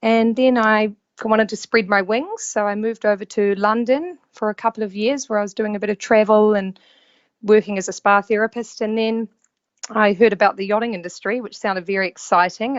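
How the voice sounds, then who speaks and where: A woman from New Zealand, a yacht stewardess, chats easygoingly as a podcast guest over a video call, with fillers and small restarts. Her voice has a medium pitch, and the call audio is dull and dry with no echo.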